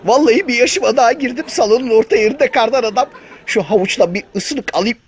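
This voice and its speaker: In a comic dub of pet videos, a man gives voice to a chatty male house cat, joking and grumbling colloquially with plenty of exclamations. His voice is very high and fast.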